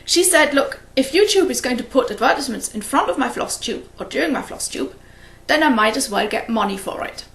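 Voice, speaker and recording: A woman's voice: high voice, lively intonation, a little fast, hardly any pauses, fairly bright tone. A woman hosting a cross-stitch video, chatting casually and rambling, often laughing at her own stories. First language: English. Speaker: flosstube host. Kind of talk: casual chat to camera.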